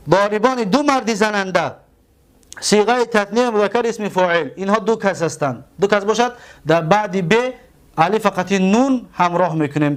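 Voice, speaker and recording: A man with a Tajik accent teaches a grammar lesson in a fairly high voice. He drags out key terms and repeats them. He poses questions to his students and then answers them himself. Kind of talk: classroom lesson.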